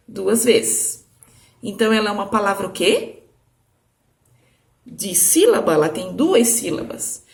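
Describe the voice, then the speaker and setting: A woman is teaching a recorded lesson to young pupils. Her fairly high voice rises and falls widely. She stretches out key words patiently and keeps checking that the children follow. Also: gravelly. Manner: slow, sing-song, stretching key words. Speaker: primary school teacher.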